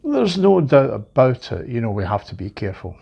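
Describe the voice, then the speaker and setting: A man co-hosting a casual advice conversation, easygoing and animated, saying "you know" often. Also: medium pitch, a little fast, creaky, slightly rough. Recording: dull lo-fi sound.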